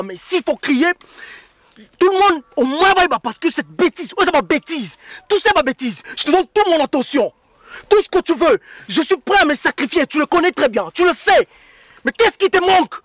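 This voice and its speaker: A man's voice: sits high, lively intonation, normal speed, long pauses, slightly rough, no echo, studio quality, heavily acted. A man with a Congolese French accent playing a jealous young man who orders and pleads with his pregnant girlfriend. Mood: shouting. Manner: commanding, then pleading and shouting.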